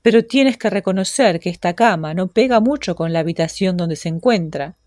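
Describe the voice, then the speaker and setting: A poor, hungry duke from a folk tale, a grown man grumbling his weary thoughts aloud, as a woman reading the story lends him her own low voice. The sound is dry and close. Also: animated, normal speed, darkish tone, dry recording, natural voice. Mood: weary, wistful.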